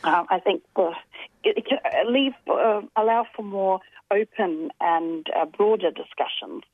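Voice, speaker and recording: Her mid-range voice moves a little slowly on a dry, tinny phone-style recording. She is a guest in her forties giving reflective interview talk over a call, stopping and restarting with many fillers as she thinks.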